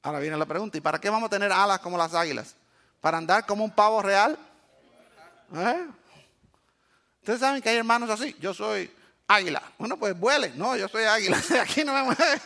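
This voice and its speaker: Preacher man, very high and bright, animated sermon storyteller who acts out quotes. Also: fairly quick, pauses often. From Cuba. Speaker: pastor.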